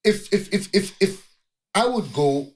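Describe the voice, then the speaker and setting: A man's voice: sits high, lively intonation, unhurried. A man hosting a heated conversation, firing pointed, challenging questions. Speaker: host.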